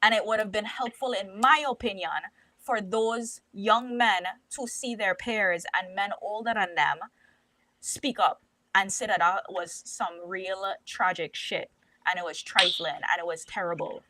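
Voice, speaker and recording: Young woman, podcast co-host, earnest opinionated storyteller, bright tone, dry mic. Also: mid-range voice, steady tone, a little slow, no echo. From Caribbean. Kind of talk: casual podcast discussion.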